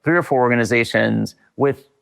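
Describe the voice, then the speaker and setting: Fairly quick and creaky, this mid-range male voice has a fairly bright tone. A middle-aged leadership consultant, he's a guest in a reflective, conversational interview, speaking thoughtfully though with frequent fillers and restarts.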